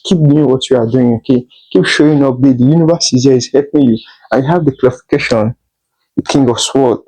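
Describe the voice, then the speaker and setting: A man's voice: medium pitch, a little mellow, rough recording. A man doing a tarot reading, speaking straight to the listener in a repetitive, reassuring way. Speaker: tarot reader.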